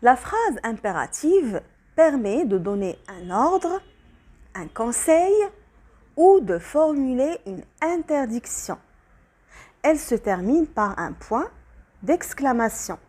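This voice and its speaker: A fairly high-voiced woman gives a children's grammar lesson. Her voice rises and falls with animation as she patiently repeats each rule, switching between languages to explain it to her young learners. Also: sing-song, a little mellow. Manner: patient, repeats each point slowly and clearly. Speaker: teacher.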